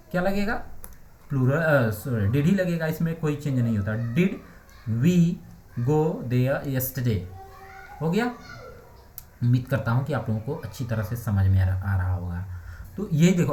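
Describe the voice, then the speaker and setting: A man's voice: on the high side, a bit bright. A man teaching English grammar in Hindi, putting questions to the class and answering them himself, repeating key terms. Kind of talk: Hindi-medium grammar lesson. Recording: echoey room.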